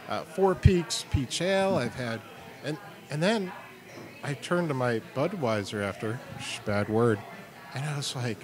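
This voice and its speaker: A middle-aged man co-hosting a beer show in a studio, cracking self-deprecating jokes and laughing often. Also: a little high. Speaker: co-host, sales and marketing. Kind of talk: casual comedic chat.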